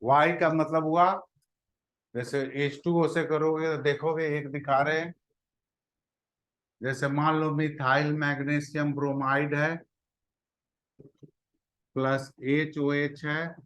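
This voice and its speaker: Slow-speaking male chemistry teacher in class. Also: a little high, little pitch movement, fairly bright tone. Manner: slow, scolds and prods students to answer. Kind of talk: classroom lecture.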